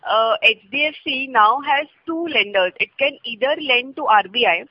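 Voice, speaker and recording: A woman, co-hosting a casual podcast and calmly explaining economics. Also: high voice, normal speed, dry recording. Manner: calm, explanatory, laughs often. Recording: dull lo-fi audio.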